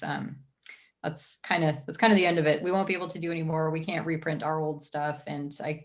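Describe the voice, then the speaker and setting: A woman hosting a live stream, chatting casually through new releases with many fillers and restarts. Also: fairly low pitch.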